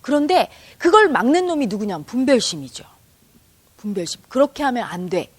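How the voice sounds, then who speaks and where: A woman teaching meditation in a spiritual talk to an audience, expressive and acting out the dialogue she quotes. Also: fairly high pitch, fairly quick, husky, no echo.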